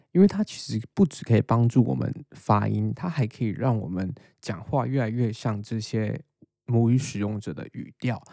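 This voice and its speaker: This young Taiwanese Mandarin-accented man hosts a podcast, his voice on the low side, gravelly and warm in a dry recording. He lays out his English-learning method with casual patience before reading English lines aloud to shadow them.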